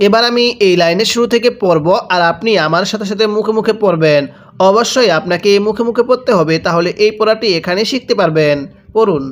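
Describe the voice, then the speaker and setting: Male teacher, high register, patient spelled-out recitation drills, long drawn syllables, call-and-repeat. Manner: slow, drawn-out syllables with repeated prompts to read along. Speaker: Quran reading teacher.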